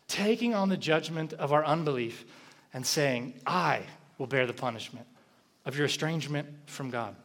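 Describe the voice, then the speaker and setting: Male pastor, sermon delivery, fairly high voice, animated with soft drops. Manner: animated, rising for emphasis then dropping soft.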